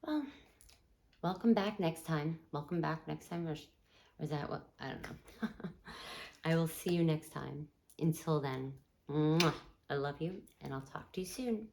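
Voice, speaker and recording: A woman's voice: sits low, gravelly. A young adult woman hosting a podcast, giving an earnest, encouraging monologue that rambles with frequent restarts. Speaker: podcast host. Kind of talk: casual motivational monologue.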